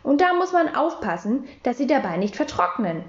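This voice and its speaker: A woman doing a forgetful, bossy young schoolgirl in a storybook, speaking high and matter-of-fact. The recording is roomy and somewhat muffled. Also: big pitch swings, moderate pace.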